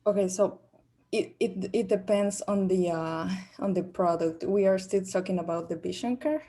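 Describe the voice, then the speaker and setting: Answering practice job interview questions in her second language, English, a young Peruvian woman speaks at a moderate pace with a medium pitch and dark tone. Her Peruvian Spanish accent comes through, and her answers are full of fillers and restarts.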